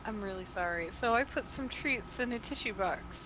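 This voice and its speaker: A woman's voice: mid-range voice, lively intonation, moderate pace, background noise. A woman playing a tabletop game, chatting in a casual, playful way.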